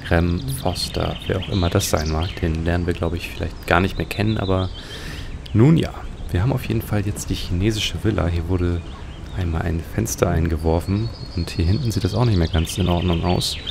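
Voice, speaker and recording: A let's play host casually comments on a video game, musing aloud about what he sees on screen. His voice is low and his pace moderate, in a clearly noisy home recording.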